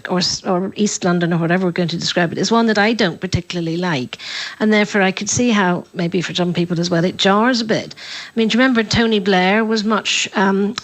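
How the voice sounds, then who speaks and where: A woman's voice: medium pitch, low-quality recording. A woman guest on a radio discussion, forthright and opinionated, with the occasional sigh. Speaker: guest commentator.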